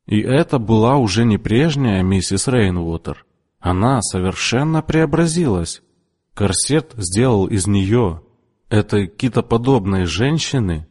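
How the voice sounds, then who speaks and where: A man narrating an audiobook in an expressive, measured storytelling manner. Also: on the low side. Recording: long room reverb.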